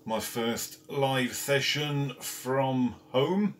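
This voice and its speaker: Bloke chatting on a live stream from his house, mid pitch, easygoing slow talk, greeting viewers by name. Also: slight background noise. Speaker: carp fishing channel host. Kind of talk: casual live-stream chat. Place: at home, indoors.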